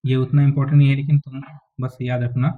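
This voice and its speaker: A man's voice: mid-range voice, level tone, fast talker. A man teaching a biology lesson, explaining diagrams step by step and often checking that his students follow. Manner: explains step by step, often checks with "ठीक है" and "समझ में आ गया?". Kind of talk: classroom lecture explaining diagrams. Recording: tinny phone-like lo-fi recording.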